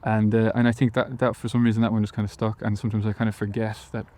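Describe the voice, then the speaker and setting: A young man from Galway, Ireland, appearing as a musician guest, talks fast in a lowish, mellow, level-toned voice with an Irish accent. He answers the interviewer's questions haltingly, stumbling through fillers and restarts.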